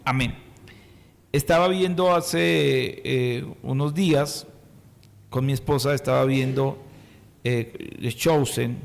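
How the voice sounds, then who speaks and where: A man's voice: mid-range voice, slow, gravelly, long pauses. A male pastor from Colombia preaching a sermon, asking the congregation questions and reading scripture aloud. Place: church hall. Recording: reverberant church hall with music. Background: music.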